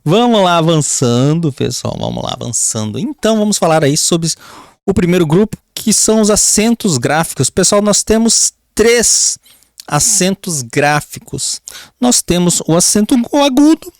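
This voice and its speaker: A man with a Brazilian accent teaching a grammar lesson for an exam, often calling the class "pessoal" and drawing out key words slowly while he writes on a board. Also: high voice, very animated, vocal fry, no room sound, clean studio sound. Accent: Brazilian Portuguese. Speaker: Portuguese teacher.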